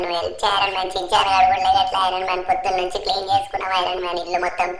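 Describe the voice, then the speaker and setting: A woman's voice: lowish voice, creaky. A woman voicing an anxious young man in a gaming cartoon voiceover, pleading and repeating himself in a panic. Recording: echoey room with faint music.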